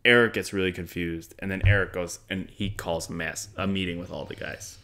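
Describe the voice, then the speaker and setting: A man's voice: sits low, steady tone, brisk, pushed and bright. A man co-hosting a podcast in casual chat, joking and laughing often. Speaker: podcast co-host.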